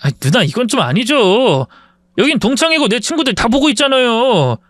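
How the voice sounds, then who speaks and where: A man's voice: very high voice, very animated, normal speed, fairly bright tone, no echo, voice pushed up, full character voice. A man doing a sneering young bully. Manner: sneering, whining. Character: arrogant young male bully, rude and whiny.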